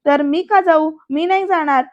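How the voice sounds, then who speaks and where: A sharp-tongued wife scolds sarcastically, voiced by a woman narrator. Her voice is high and biting. The recording is dry and slightly muffled. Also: level tone, normal speed, no echo, close to an everyday voice. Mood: scolding.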